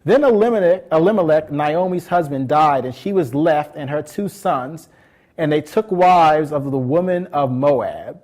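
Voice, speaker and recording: A man preaching a Bible lesson. His voice sits a little high, and he draws key words out slowly for emphasis. He often repeats and restarts his phrases as he teaches. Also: lively intonation, a little mellow. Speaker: pastor. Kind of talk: sermon teaching.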